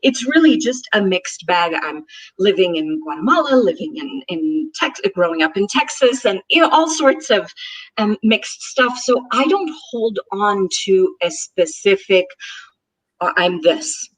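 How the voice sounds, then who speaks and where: A woman's voice: medium pitch, expressive, unhurried, poor audio. A woman born in Israel and raised in the United States, co-hosting a casual online conversation with emphatic enthusiasm. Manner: emphatic, enthusiastic, hesitant fillers. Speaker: co-host.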